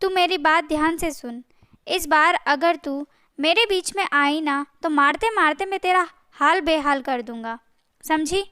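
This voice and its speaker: A woman's voice: high-pitched, unhurried, pushed and bright, no room sound. Woman doing a scheming brother-in-law: threatening, cold, bone-dry close read. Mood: menacing. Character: scheming cruel man, elder brother-in-law.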